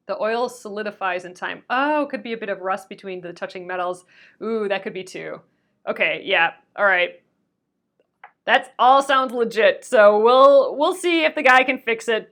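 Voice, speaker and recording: A woman's voice: medium pitch, a bit bright. A woman hosting a live sewing stream, chatting casually as she stitches, her voice strained and fading from a sore throat. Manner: chatty, rambling, often restarts and laughs. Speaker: crafting livestream host.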